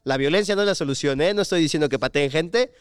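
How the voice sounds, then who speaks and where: A young man with a Mexican Spanish accent, chatting casually as a podcast host, slangy and animated, telling stories and mimicking voices. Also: a little high, fast, clear, resonant tone, no echo, studio quality. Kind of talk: casual chat.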